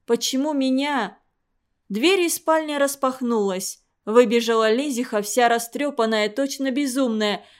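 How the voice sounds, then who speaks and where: A woman reads a story aloud in a fairly high voice, steady and clear. It is a plain spoken storybook reading. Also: moderate pace, hardly any pauses.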